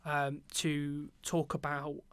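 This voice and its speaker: A man's voice: on the high side, slow pace, clear, resonant tone, no room sound, clean studio sound. A young adult British man telling work stories in a casual podcast chat, with lots of ums. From Britain. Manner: relaxed storytelling with many ums. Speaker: podcast guest, teacher and business owner.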